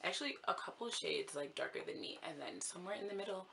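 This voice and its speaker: A woman's voice: lowish voice, lively intonation, quick pace, vocal fry, bright, forceful tone, a little hiss or hum. A young American woman chatting casually to her camera, laughing often and filling her talk with "like". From United States. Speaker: vlogger.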